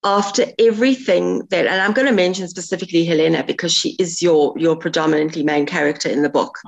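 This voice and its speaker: A lower-voiced woman leads a book interview. She speaks in an earnest, thoughtful way and often doubles back mid-sentence. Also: fast, vocal fry, low-quality recording. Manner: earnest, thoughtful questioning with restarts.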